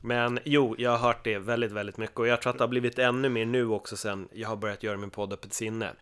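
A man from Sweden, a podcast guest in casual chat, telling lively stories and acting out the voices of people in them. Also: mid-range voice, clear, resonant tone. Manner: lively storyteller who acts out voices.

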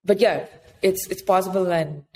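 Her voice sits on the low side, warm in tone and moderate in pace. A woman author who advises immigrant founders, she speaks as an interview guest, offering practical explanations in a chatty manner, recorded with echoing hall reverb and clear background noise.

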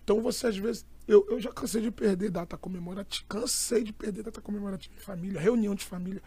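Raspy high-voiced Brazilian preacher. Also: male voice, fast talker. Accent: Brazilian Portuguese. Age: young adult. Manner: animated, emphatic storytelling. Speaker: itinerant preacher and pastor. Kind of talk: casual storytelling chat.

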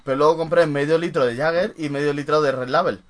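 A man's voice: a little high, fairly even intonation, fast talker. A young man from co-hosting a casual podcast, joking, teasing and swearing freely. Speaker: podcast co-host.

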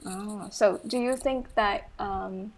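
A woman's voice: medium pitch, slow. A woman from Taiwan with a Taiwanese accent, hosting a casual interview chat in English as her second language, speaking hesitantly with many restarts and fillers. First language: Taiwanese Mandarin. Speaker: podcast host.

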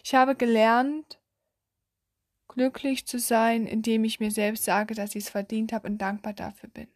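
A young woman gives a motivational talk, earnest and direct with the listener, often stopping to correct herself. Her voice sits a little high. The sound is dry and close, with no room in it. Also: little pitch movement, unhurried, darkish tone, dry recording. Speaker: self-help vlogger.

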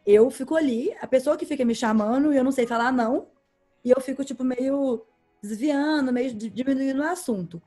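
A woman's voice: high-pitched, brisk, mellow, soft background music. A woman talking frankly and emphatically in a casual group chat.

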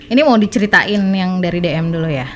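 A woman's voice: on the low side, lively intonation, fast talker. A woman from Indonesia co-hosting a podcast, casually retelling a listener's story and explaining as she goes. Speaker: podcast co-host. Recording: faint background noise and ambience.

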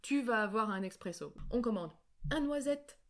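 French woman, co-host of a relaxed bilingual lesson, chatty, playful, slips into mini role-plays. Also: on the high side, normal speed. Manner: chatty, laughs often, acts out dialogues. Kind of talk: casual bilingual language lesson.

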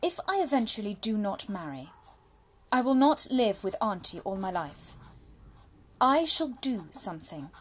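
In a wistful, restless mood, a woman at medium pitch speaks a little slowly as an anxious, spirited young Victorian gentlewoman writing letters to her brother. Her dramatic monologue is formal, genteel and expressive, with slight background noise.

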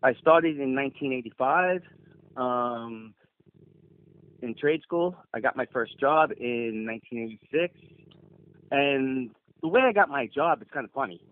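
A man's voice: medium pitch, measured pace. A man in his fifties, an HVAC technician, chatting easily as a podcast guest and telling stories. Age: 50s. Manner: easygoing, rambling storyteller. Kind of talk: casual podcast chat. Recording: tinny phone-like line.

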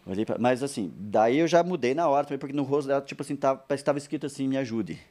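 A Brazilian man rattles off a personal story at a brisk clip, his voice sitting at an ordinary middle pitch. He talks in a loose, chatty way, repeating words for emphasis and acting out quoted lines. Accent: Brazilian Portuguese. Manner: animated anecdote with repeated phrases and quoted asides. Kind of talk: casual storytelling.

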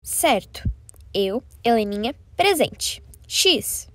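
A woman's voice: on the high side, sing-song, takes it slowly, a bit bright, heavily acted. A woman playing a bossy, matter-of-fact girl who keeps the club in order, in a children's horror audio drama.

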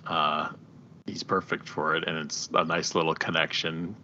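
A man's voice: a bass voice, level tone, normal speed, sharp tone, lo-fi sound, a little hiss or hum. A man co-hosting a casual movie discussion, enthusiastic and laughing often as he recounts scenes. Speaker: podcast co-host.

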